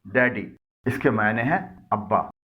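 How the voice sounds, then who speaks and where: A man narrating a scripted English lesson in Urdu, speaking slowly and deliberately and spelling words out letter by letter. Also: lowish voice, lively intonation, muffled recording. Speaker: English teacher.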